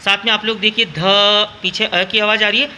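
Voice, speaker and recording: A man's voice: sits high, steady tone, fairly quick, pushed and bright, a little hiss or hum. A male school teacher giving a classroom grammar lesson, speaking directly to his students, repeating points and drawing out sounds in his demonstrations.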